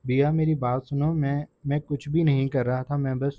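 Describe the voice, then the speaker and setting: A man voicing a possessive husband who coaxes gently and then gives stern orders, in a dry, dull recording. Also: mid-range voice, little pitch movement, natural voice. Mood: pleading.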